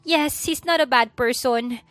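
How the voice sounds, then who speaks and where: Flustered shy young woman, voiced by a woman, high and excitable, storybook reading, dry close sound. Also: slow pace, no room sound. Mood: apologetic.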